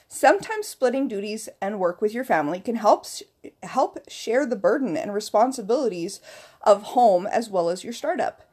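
Female advice vlogger: upbeat, orderly presenter delivery, animated intonation, fairly high pitch. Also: husky. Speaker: vlogger giving business tips. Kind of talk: scripted advice vlog.

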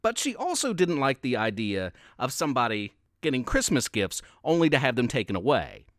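A man reading a Christmas story aloud as narrator, in an expressive, sing-song way. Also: mid-range voice, fairly quick, dry recording, studio quality.

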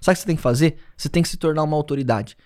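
A man speaks as a podcast guest, explaining and checking in with the listener. He talks quickly in a slightly high voice. The sound is dry and close. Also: darkish tone, no room sound. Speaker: podcast guest, sales lead. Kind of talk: casual podcast chat.

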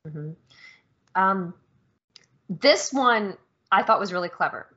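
A woman co-hosting a casual podcast, lively, describing game scenes and laughing easily. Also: medium pitch, slow. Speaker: podcast co-host. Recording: dull lo-fi audio.

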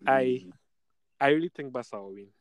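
A man giving his views in a casual sports chat as one of a panel. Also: medium pitch. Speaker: football podcast panelist.

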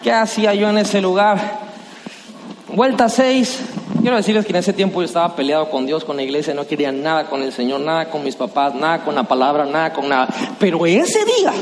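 A male pastor, telling a personal story in a sermon and acting out the scenes with shouts and quoted voices. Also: a little high, big pitch swings, quick pace. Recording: echoey hall, slight noise.

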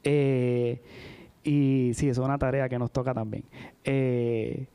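Preaching in church, a man with a medium-pitched, mellow, smooth voice speaks slowly and flatly. He tells personal stories chattily, addressing the congregation and often checking in with asides of "¿verdad?"

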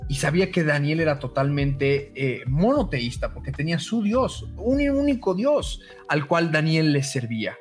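A man's voice: on the high side, very animated, normal speed, few pauses, soft background music. Fervent man teaching Bible with amens. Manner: fervent, says amen, repeats words as he starts.

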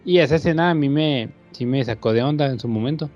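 A young Mexican man sharing a memory in relaxed, casual chat. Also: mid-range voice, fast, muffled recording, soft background music.

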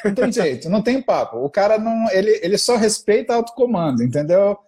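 A middle-aged man tells stories from his practice in a relaxed, mellow voice with a husky grain. He talks in an animated, slangy way and acts out the dialogue as he goes. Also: high voice, fast talker. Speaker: doctor with patients. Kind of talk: casual storytelling in a podcast interview.

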